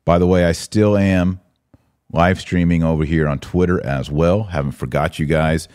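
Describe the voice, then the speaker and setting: An American podcast host and religious commentator speaks on a live-stream in a deep, smooth, slightly mellow voice, steady in tone and moderate in pace. He handles comments conversationally, offers his opinions, and raises rhetorical questions.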